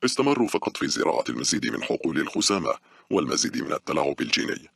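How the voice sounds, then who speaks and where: A man's voice: rumbling low, sing-song, racing, gravelly, fairly bright tone, no room sound, clean studio sound, full character voice. A man reading as a smug grey-haired worm scientist. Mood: exasperated. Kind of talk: audiobook character reading.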